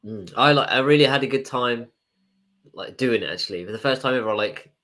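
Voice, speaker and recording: A man who preaches, chatting casually on a podcast while full of cold, relaxed and self-deprecating. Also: mid-range voice, a little fast. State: has a cold. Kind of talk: casual live-stream chat.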